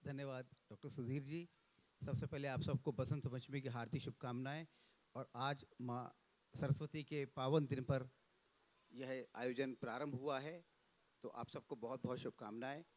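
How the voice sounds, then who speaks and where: A man in his fifties, a publisher, giving a measured, formal talk on a festival panel. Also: mid-range voice, steady tone, darkish tone, rough recording. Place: stage at a literature festival.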